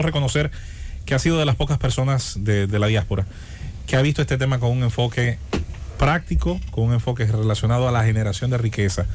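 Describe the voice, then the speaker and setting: A man's voice: mid-range voice, a little mellow, slight background noise. A man, hosting a radio interview and putting his points to the guest in a conversational way. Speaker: radio host.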